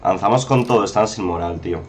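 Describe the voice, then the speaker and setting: A man's voice: low-pitched, fast, slight background noise. A man giving chatty, casual commentary over a strategy game, often exclaiming and talking to viewers. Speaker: gameplay commentator.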